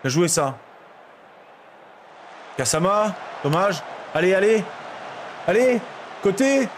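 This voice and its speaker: Young male streamer, high-pitched, excitable game commentary with outbursts, faint background noise. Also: slow pace. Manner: excitable, swings from shouting to muttering.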